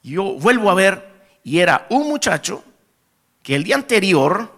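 Animated Salvadoran preacher telling a story. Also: male voice, high voice, measured pace. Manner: animated storyteller, addresses the congregation as brothers. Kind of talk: sermon testimony.

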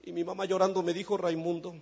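A man preaching a sermon testimony, swinging between loud emphatic peaks and soft, low asides. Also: very animated, moderate pace, breathy edge. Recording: muffled lo-fi sermon recording.

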